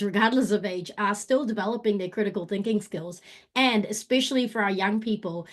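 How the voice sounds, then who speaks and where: A woman originally from Malaysia giving a webinar presentation over a video call, relaxed and full of fillers. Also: medium pitch. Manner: relaxed, many fillers, mixes in te reo Māori phrases. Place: home in Auckland.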